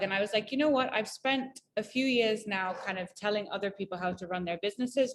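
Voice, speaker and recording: A woman's voice: medium pitch, slight background noise. A woman from Malawi in her thirties, a guest chatting in an interview in an upbeat, talkative way with many fillers and restarts. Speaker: entrepreneur guest. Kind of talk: casual conversational interview.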